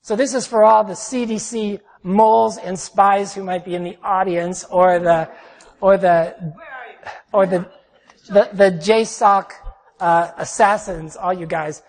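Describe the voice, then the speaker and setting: A man's voice: high-pitched, fairly even intonation, measured pace. A middle-aged man giving a live seminar in a large hall, talking in an emphatic, rambling way with frequent restarts, his voice ringing with a cave-like echo. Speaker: seminar speaker. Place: large echoey lecture hall. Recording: echoey hall with long reverb.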